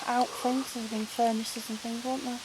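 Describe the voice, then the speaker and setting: A paranormal investigator with a fairly quick, flat, somewhat high voice is on an outdoor ghost hunt at a woodland waterfall site. She chats while asking spirits curious questions. The outdoor recording is hissy.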